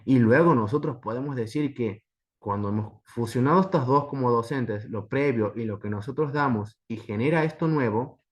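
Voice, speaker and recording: A man's voice: mid-range voice, normal speed. A man from Argentina giving a teacher-training lecture over slides, explaining step by step and often asking his listeners whether they follow. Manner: explanatory, keeps checking in with a tag question.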